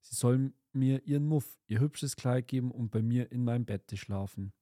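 A man's voice: mid-range voice, normal speed, warm tone, dry recording, clean studio sound, natural voice. A man voicing a brash, commanding little robber girl in a fairy-tale reading. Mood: bossy.

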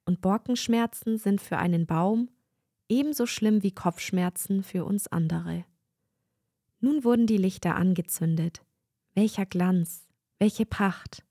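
Calm woman reading a fairy tale. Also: mid-range voice, no echo, clean studio sound. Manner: calm, measured storytelling. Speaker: reader.

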